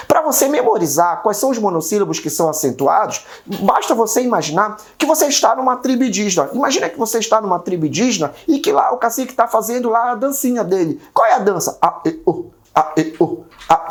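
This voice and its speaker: A woman teacher with a Brazilian Portuguese accent giving an upbeat grammar lesson, chanting rules over and over. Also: mid-range voice. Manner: upbeat, repeats rules in sing-song chants.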